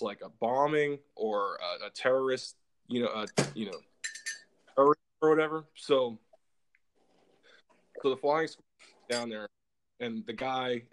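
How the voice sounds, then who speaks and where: A man in casual podcast chat, hosting and telling a story. His speech meanders, full of "like" and false starts as he builds his setup. His pitch sits in a typical middle range for a man. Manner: rambling, full of "like" fillers and restarts. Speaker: podcast host.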